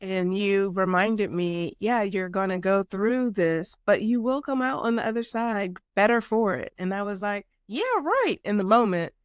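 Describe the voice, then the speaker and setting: A woman's voice: medium pitch, moderate pace, hardly any pauses, smooth, no room sound, clean studio sound. A woman hosting a podcast interview, encouraging her guest with short affirmations and reflective questions. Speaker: podcast host. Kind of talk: conversational interview.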